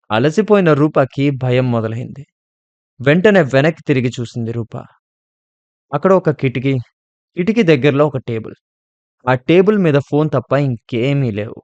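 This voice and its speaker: A man narrating a scripted horror story in a steady, measured way. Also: mid-range voice, no echo, muffled recording.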